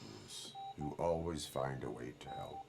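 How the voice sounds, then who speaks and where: An actor playing a stoic male cyborg police officer who speaks in terse, formal, deliberate sentences in a video game. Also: extremely low pitch, vocal fry, background noise, heavily acted. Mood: solemn.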